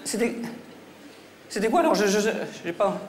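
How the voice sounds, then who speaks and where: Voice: medium pitch, expressive, moderate pace, a little hiss or hum. A stage mentalist comedian running a mind-reading routine with audience volunteers, in mock-serious teasing patter that often stumbles and restarts. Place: stage before a live audience. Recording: echoey hall with faint crowd.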